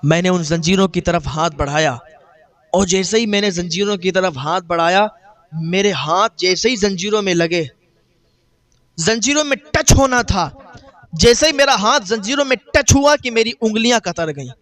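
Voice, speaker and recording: A man's voice: sits high, a bit bright. A preacher voicing a grieving man mourning his brother. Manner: lamenting, pleading storytelling.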